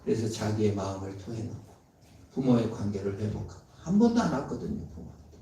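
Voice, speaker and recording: A man preaching a sermon as a pastor, dramatic, swinging between loud emphatic lines and hushed tender ones. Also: on the low side, big pitch swings, fairly quick, a little hiss or hum. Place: church sanctuary. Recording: very echoey, from far off.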